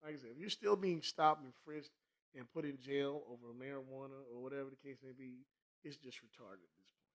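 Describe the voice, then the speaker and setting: A man co-hosting a podcast in casual chat, blunt, profane and animated. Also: medium pitch, fairly quick. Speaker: podcast co-host.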